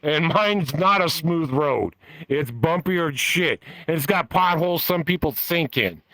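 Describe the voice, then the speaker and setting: A man in his fifties rambles along in a folksy, easygoing way, dropping casual swears. His voice sits a little high and rings bright and forceful. The sound is dry and close. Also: lively intonation, measured pace, dry recording, low-quality recording. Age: 50s. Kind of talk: casual chat. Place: virtual world voice chat.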